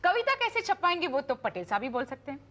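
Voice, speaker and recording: A woman playing a brisk, teasing office clerk in a sitcom, with laughter from a studio audience. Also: sits high, big pitch swings, very noisy. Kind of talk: sitcom acting.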